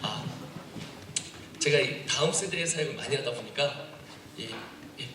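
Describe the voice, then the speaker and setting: A man's voice: medium pitch, expressive, a little slow, sharp tone. A man with a Chungcheong accent, a guest missionary giving a humorous, playful talk in church, bantering with the crowd. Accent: Chungcheong dialect. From South Chungcheong, Korea. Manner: joking, playful crowd banter mixing English. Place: church sanctuary. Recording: echoey room, distant mic, noisy.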